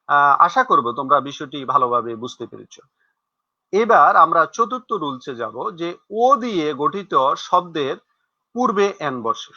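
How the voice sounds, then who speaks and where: Bright lively-voiced male teacher. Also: high voice, no room sound. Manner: explains slowly, repeats examples, asks rhetorical questions. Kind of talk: recorded classroom lesson. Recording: dull lo-fi dry sound.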